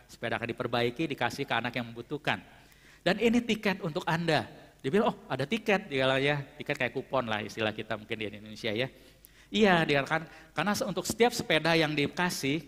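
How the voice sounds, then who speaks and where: A man's voice: mid-range voice, a bit bright. A man preaching a sermon, telling a story in a casual, conversational way, often calling the listeners "brothers and sisters" and acting out what the characters say. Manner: conversational, addresses congregation as "saudara", acts out quoted voices. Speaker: pastor. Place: church. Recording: long reverb of a church hall.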